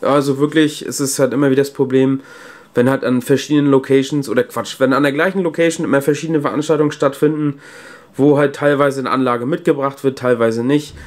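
The PA sound tech hosting this video speaks at medium pitch in a steady, slightly fast way, keeping his vlog commentary casual and colloquial. Background hum and room noise fill the indoor venue rooms and cellar around him.

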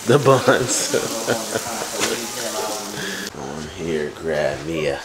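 A man's voice: on the low side, fairly even intonation, very slow, over a noisy crowd, poor audio. An American man chatting casually in a home kitchen, playful, in short clipped phrases. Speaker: family vlogger. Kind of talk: casual vlog chat. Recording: clear sizzling kitchen noise.

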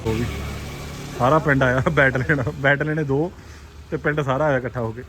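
A man's voice: medium pitch, steady tone, fairly quick, a bit bright, slight background noise. A man with a Punjabi accent hosting a casual vlog, narrating and bantering on the go. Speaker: vlogger hosting the video. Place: on the move, in a vehicle and outdoors.

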